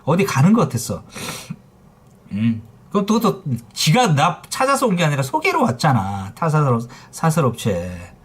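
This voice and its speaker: Husky middle-aged man ranting bluntly. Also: fairly high pitch, huge pitch swings, normal speed. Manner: blunt, profane, heated storytelling. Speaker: phone repair shop owner streaming live. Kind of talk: casual livestream rant.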